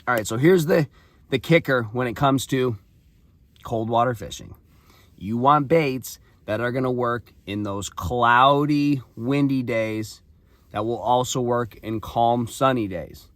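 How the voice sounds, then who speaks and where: A hoarse man with a raspy voice, giving practical fishing advice straight to his viewers in a casual vlog. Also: medium pitch, unhurried, fairly bright tone, no room sound. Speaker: fishing channel host.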